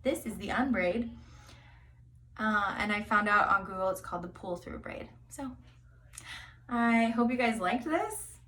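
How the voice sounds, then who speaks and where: A woman's voice: mid-range voice, moderate pace, bright, forceful tone, far from the mic. A young woman rambling casually through a hair tutorial, full of fillers and asides, sometimes dropping to a whisper. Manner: chatty and rambling, many fillers, drops into whispers.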